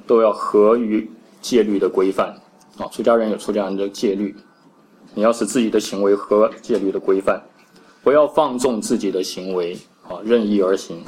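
A Buddhist monk gives a Dharma lecture. He recites each passage slowly, then explains it, with many "ah" fillers. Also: on the low side, a little mellow, low-quality recording. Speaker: Buddhist monk teaching scripture.

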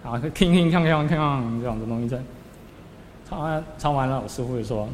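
A man's voice: mid-range voice, brisk. A man, a Buddhist monk, giving a storytelling sermon, acting out scenes with sudden rises and drops in his voice. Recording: long hall reverb with faint background noise.

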